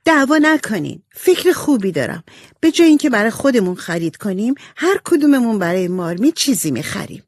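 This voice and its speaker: A narrator voicing a gentle, kind young girl who acts as the peacemaker. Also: medium pitch, very animated, no echo, clean studio sound, voice pushed up. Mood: coaxing.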